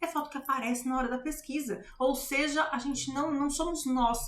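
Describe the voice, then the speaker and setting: A woman's voice: sits high, steady tone, brisk, fairly bright tone, a little hiss or hum. A woman with a Brazilian Portuguese accent, co-hosting a casual live class and explaining her points firmly. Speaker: co-host instructor. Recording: echoey room with faint ambience.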